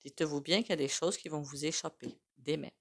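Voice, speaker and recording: A woman with a low voice and a regional French accent reads tarot cards in a relaxed, spoken way. She muses aloud and drifts from thought to thought as if chatting with her viewers. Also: a little fast, gravelly, husky. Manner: musing aloud, loose and conversational. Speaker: tarot reader and psychic. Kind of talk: casual spoken tarot reading.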